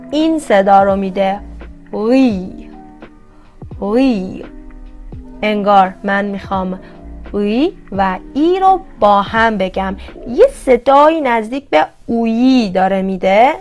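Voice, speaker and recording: Bright-voiced woman teaching with faint music. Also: fairly high pitch. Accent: Iranian Persian. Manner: patient, repeats sounds slowly for learners. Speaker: Korean language teacher. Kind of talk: online language lesson.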